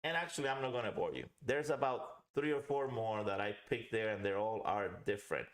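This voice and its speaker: A man's voice: on the low side, fairly quick. A man hosting a casual livestream, explaining things in a rambling way and repeating himself for emphasis. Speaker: host of a live pipe tobacco review. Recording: roomy, echoing home recording.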